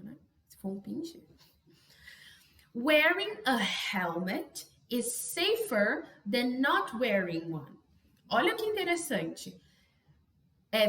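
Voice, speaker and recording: A Brazilian woman teaching an English grammar lesson, chatty and casual, often adding quick tag questions. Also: high-pitched, fairly bright tone, reverberant. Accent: Brazilian Portuguese. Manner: chatty, self-interrupting, frequent "né?" tags. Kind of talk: online language lesson.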